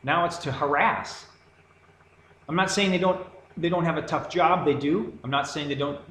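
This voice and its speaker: Guy ranting into his camera, kinda high voice, sarcastic, echoey room. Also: fairly bright tone. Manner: heated, rambling, sarcastic. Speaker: video commentator. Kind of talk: ranting monologue. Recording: echoey room with faint background noise.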